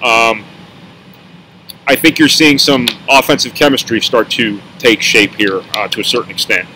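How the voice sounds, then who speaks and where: A man's voice: mid-range voice, steady tone, moderate pace, sharp tone, slight background noise, rough recording. A male sports reporter giving a rambling post-game analysis with dry asides, talking around a mint in his mouth.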